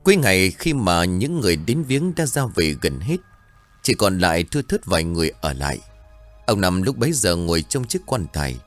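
A man's voice: deep voice, a little fast, no echo, faint music behind. Solemn male storyteller. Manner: solemn, expressive. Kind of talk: dramatic story narration.

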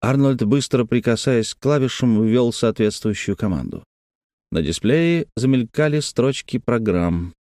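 A man narrating a novel as an audiobook, reading in a steady, even way. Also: medium pitch, measured pace, dry recording, studio quality. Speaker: audiobook reader. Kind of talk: scripted narration.

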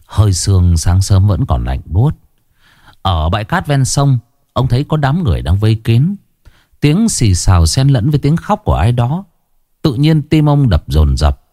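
A man's voice: medium pitch, sing-song, moderate pace, mellow, dry recording, clean studio sound. A man telling a horror story in dramatic, suspenseful scripted narration.

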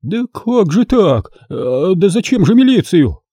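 Reader playing a cowardly fussing dad, high whining voice, fretful. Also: male voice, sing-song, a little slow, warm tone, husky, no echo, clean studio sound, full character voice. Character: fat panicky bald middle-aged father.

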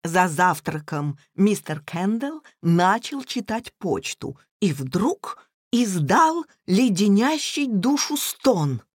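A woman narrating a storybook in an expressive, unhurried reading. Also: medium pitch, husky, no room sound, clean studio sound. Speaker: audiobook narrator.

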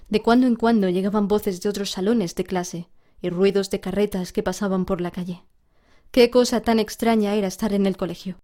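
A woman narrating a storybook aloud in a steady, even storytelling manner. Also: mid-range voice.

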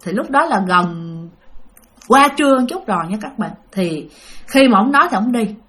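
A woman's voice: on the high side, expressive, normal speed, a bit bright. Chatty woman storyteller. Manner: chatty, addresses listeners directly. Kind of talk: spoken ghost story narration.

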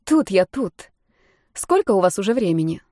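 A woman voicing a caring older sister on the phone in an audiobook, gently bossy. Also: medium pitch, big pitch swings, moderate pace, no room sound, clean studio sound, lightly acted.

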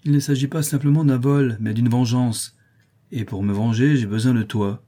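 A man's voice: medium pitch, steady tone, normal speed, warm tone, close to an everyday voice. A man reading aloud voicing a menacing, vengeful male outlaw who speaks with fierce emphasis.

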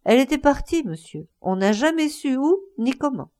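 A woman voicing an old, pious and stern female housemaid in a storybook reading, curt at first, then telling her master's story in a lowered voice. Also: very animated, normal speed, a little mellow. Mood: confiding. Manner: dry, curt, then confiding.

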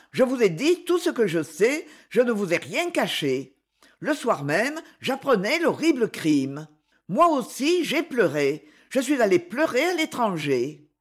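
A reader voicing an accused woman giving measured testimony in a soft voice. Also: a little high. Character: accused foreign woman, composed then soft-spoken.

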